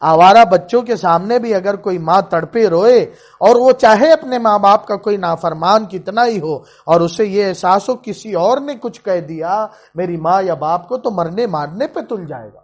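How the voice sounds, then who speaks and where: A man preacher giving an emotional sermon, pleading with his listeners and telling a story with feeling. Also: high voice.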